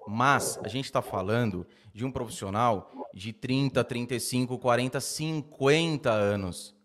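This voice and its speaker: A man hosting a podcast, chatting casually in a slangy, animated way. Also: medium pitch, a little slow, slight background noise. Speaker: podcast host.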